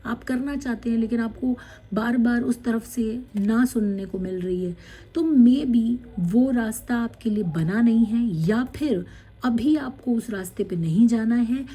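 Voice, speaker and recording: A woman tarot card reader, gently guiding viewers through a spiritual card reading, with many fillers. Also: on the high side, slightly rough. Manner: slow, gentle guidance with many fillers, reading card messages aloud in English.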